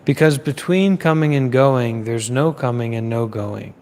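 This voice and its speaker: A man giving a live Dhamma talk as a Buddhist teacher. He speaks in a measured way, repeating phrases in lists with pauses. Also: mid-range voice, a little mellow, big-room sound.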